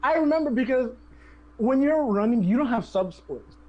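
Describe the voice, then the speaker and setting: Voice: medium pitch, lively intonation, moderate pace, lo-fi sound. A host giving casual commentary over their own speedrun, chatty, often laughing and sharing tips.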